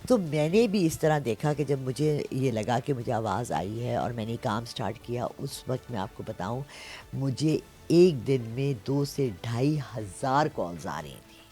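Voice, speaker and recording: An older woman in her sixties talks in an interview about her work reading palms. She tells her stories with animation, often pausing to check that her listener follows. Soft music plays faintly beneath her voice. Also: very deep voice. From Pakistan. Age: 60s. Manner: animated storyteller, frequent "theek hai?" check-ins. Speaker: palm reader and astrologer. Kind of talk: casual interview.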